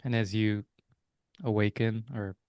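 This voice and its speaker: A man's voice: on the low side, level tone, measured pace, a little mellow, smooth, dry recording, studio quality. A man co-hosting a reflective spiritual podcast, musing aloud and searching for his words with many hesitations. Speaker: podcast co-host. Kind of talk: casual reflective conversation.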